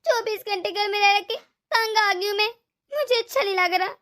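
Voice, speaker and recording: Woman voicing older mother-in-law, cartoon, tearful, pleading, very high. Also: fairly quick, a bit bright. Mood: regretful. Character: remorseful older mother-in-law, once a scold. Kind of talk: cartoon voice acting.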